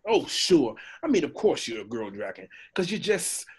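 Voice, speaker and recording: A man voicing a talkative, cowardly donkey in a read of an animated film script, with a husky voice and a jittery, rambling, wheedling manner. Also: a little high, normal speed. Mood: nervous flattery.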